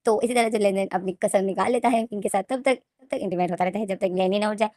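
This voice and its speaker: Fast-talking woman narrating a fan story. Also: medium pitch, darkish tone, dry recording, studio quality. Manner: rapid and run-on, with many restarts.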